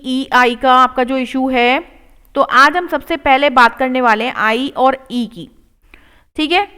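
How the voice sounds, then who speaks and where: High-voiced Indian woman teaching spelling. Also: sharp tone, smooth. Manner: slow, encouraging, repeats words twice. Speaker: English teacher. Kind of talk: spelling and reading lesson.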